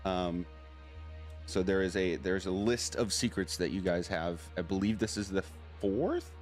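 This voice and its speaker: A man narrating a tabletop game as its game master, with a lowish voice and an unhurried, halting delivery full of fillers. Faint music plays behind him. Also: a little mellow.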